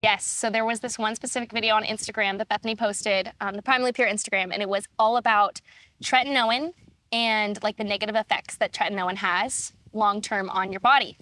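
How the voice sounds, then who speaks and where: A young woman guest chatting casually on a podcast, filling her talk with "like" and quick asides. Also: mid-range voice, fairly even intonation, bright, forceful tone, no echo. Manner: chatty, many "like" fillers. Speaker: guest, assistant. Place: farm, recorded on location.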